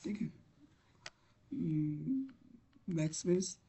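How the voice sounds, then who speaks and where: A man's voice: on the high side, animated, very slow, creaky, warm tone, slightly rough. A man teaching an online grammar lesson, patiently repeating examples aloud as he types on screen. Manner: talks while typing on screen.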